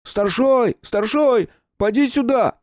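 A man doing a jumpy young anarchist with a ringing falsetto. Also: very animated, unhurried, no room sound. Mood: alarmed shouting. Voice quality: ringing falsetto straining at bass. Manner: shouting, jumpy. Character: young male anarchist, nervous former student.

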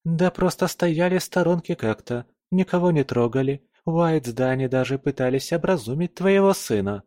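A man reading an audiobook puts on a cheeky young wolf-girl with a raised, lifted voice and a slightly louder push. She teases and grumbles defiantly. The recording is dry and close. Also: on the high side, lively intonation, normal speed, no room sound, voice pushed up, natural voice. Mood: cheeky grumbling.

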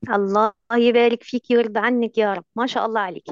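A woman's voice: on the high side, fairly even intonation, racing, dry recording, dull audio. A woman teacher with an Egyptian Arabic accent, coaching recitation in an online lesson, coaxing and affectionate, full of endearments.

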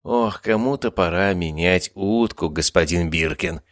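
A man's voice: deep voice, measured pace, dry recording, studio quality. A man voicing a kindly, bustling female nurse with a soothing manner in an audiobook. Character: fussing female hospital nurse, kind and chatty.

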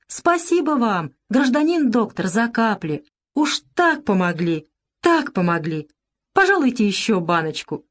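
Lady putting on a fawning peasant gal, sing-song and flattering, pitched way up. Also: unhurried.

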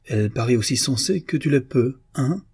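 A man reading a teasing young man, bantering, mock-solemn, husky, dark voice. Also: mid-range voice, lively intonation, normal speed, no echo, studio quality, pitched above the performer's own voice. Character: cheerful teasing young man, joking friend.

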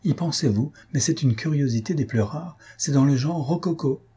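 A man's voice: on the high side, normal speed, warm tone, breathy edge, pitched above the performer's own voice. A man reading aloud and voicing a witty young countess with a teasing, playful manner in a storybook. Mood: amused.

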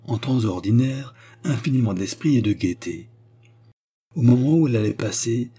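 Low husky male audiobook narrator. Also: mellow. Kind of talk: audiobook reading.

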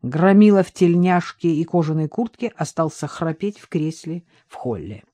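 A woman reading an audiobook in expressive, measured scripted narration. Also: fairly low pitch, dry recording. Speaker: audiobook reader.

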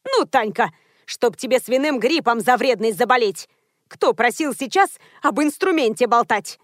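A prickly, stubborn woman friend snaps back with indignant, sharp-tongued complaints, as a woman reads her in an audiobook. Her voice sits a little high. The sound is close and dry, with no room behind it. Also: lively intonation, normal speed, no echo, lightly acted. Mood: angry. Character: stubborn, irritable woman friend, quick to snap.

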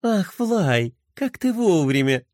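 Guy voicing a sweet princess cooing at her guests, soft and a bit high. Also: huge pitch swings, a little slow, no echo, studio quality, full character voice. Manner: cooing, gracious.

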